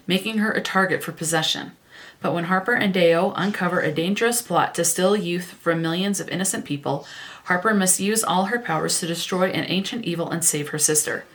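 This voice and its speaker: A woman's voice: on the low side, a little fast, fairly bright tone. A woman hosting a casual book vlog, chatting and reading book synopses aloud, with small stumbles and self-corrections. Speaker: book vlogger.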